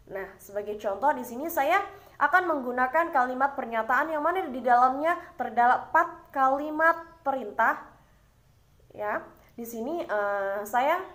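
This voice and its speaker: A woman's voice: on the high side, a bit bright. A young woman, a university student, presenting course material in an explanatory way, with rhetorical questions and frequent filler words.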